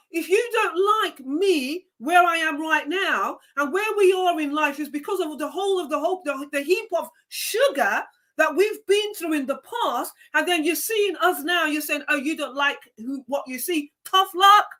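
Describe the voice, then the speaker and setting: Female live-stream host, Jamaican accent, high and bright voice, preachy and emphatic, repeats her points. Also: animated, normal speed. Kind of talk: motivational live-stream talk.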